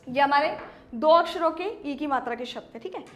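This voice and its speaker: A woman's voice: high-pitched, fairly bright tone. A woman teaching an online Hindi phonics lesson to young children, patiently sounding out words syllable by syllable and checking in with them often. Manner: slow syllable-by-syllable sounding out, repeats "ठीक है"; patient, addresses children as "बेटा".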